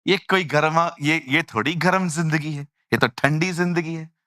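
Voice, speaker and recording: A male preacher who talks slowly and deliberately in a bright, forceful voice that sits fairly high. He acts out the people he meets and pokes fun at them. The sound is dry and close. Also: no room sound. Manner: animated, acting out people and mocking them. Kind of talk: lively Hindi sermon.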